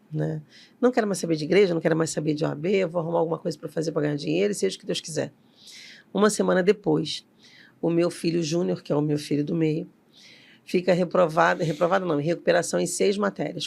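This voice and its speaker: A woman's voice: lowish voice, vocal fry, a little mellow. A middle-aged woman, a company CEO telling a personal story as an interview guest and acting out the voices she quotes.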